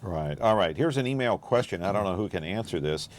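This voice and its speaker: A man hosting a local TV talk show, interviewing guests and reading viewer email questions briskly. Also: low voice, lively intonation. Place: TV studio.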